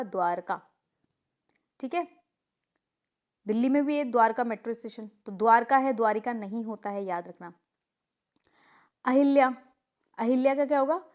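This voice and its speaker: A young woman teaching an exam-prep grammar lesson, drilling word pairs and answering her own questions. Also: on the high side. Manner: repeats "theek hai" to check in with students.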